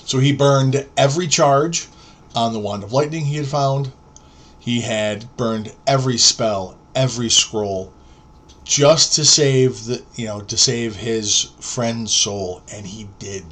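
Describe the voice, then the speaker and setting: A man's voice: medium pitch, takes it slowly. A man in his forties, a podcast co-host, casually telling a long story and acting out the quoted lines of each person in it. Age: 40s. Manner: animated storyteller, acts out quoted dialogue.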